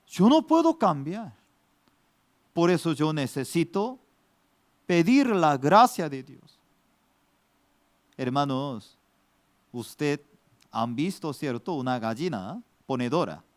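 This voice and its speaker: A man preaching a Bible study as pastor, speaking in broken, simple phrases in short bursts and swinging between soft low asides and loud exclamations. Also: very animated, slow pace, long pauses.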